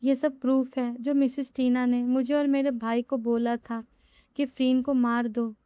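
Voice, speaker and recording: A young man laying out evidence in a matter-of-fact way, read by a woman narrator. The voice stays high and mellow. It is recorded dry and up close. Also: level tone, measured pace, clean tone, no room sound. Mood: earnest.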